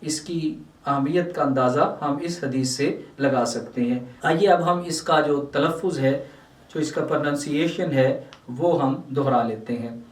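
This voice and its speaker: A man's voice: fairly high pitch, reverberant, far from the mic. A man with a Pakistani Urdu accent gives a religious lesson, reciting verses and explaining them word by word. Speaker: Islamic scholar teaching Quran translation.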